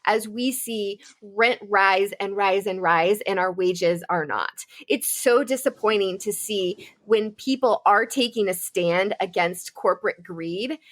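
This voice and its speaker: A woman's voice: medium pitch, unhurried, hardly any pauses, a bit bright. A woman co-hosting a pop culture podcast, talking in a casual, fired-up and profane way. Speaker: podcast co-host.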